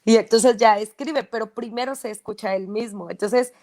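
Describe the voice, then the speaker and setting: A woman's voice: on the high side, normal speed, darkish tone. A speech therapist, a woman, explaining patiently in an interview and often checking "¿verdad?". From Guatemala.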